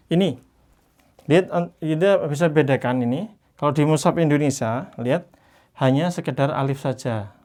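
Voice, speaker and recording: A man teaching Quran reading in a class, patiently explaining and slowly modelling each Arabic word. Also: mid-range voice, darkish tone. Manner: patient, slows down to model Arabic words drawn out; explains by pointing at written examples.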